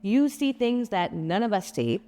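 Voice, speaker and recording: A woman's voice: medium pitch, animated, a little slow, mellow. A woman co-hosting in casual chat, making emphatic points and checking in with "right?" and "okay?". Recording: long reverb.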